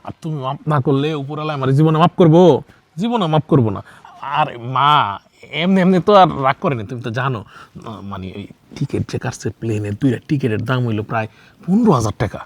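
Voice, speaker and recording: A man's voice: mid-range voice, fast, no echo, close to an everyday voice. An actor playing a meek young son torn between mother and wife, stammering and coaxing, in a TV drama. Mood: pleading. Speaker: son and husband. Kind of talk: TV drama acting.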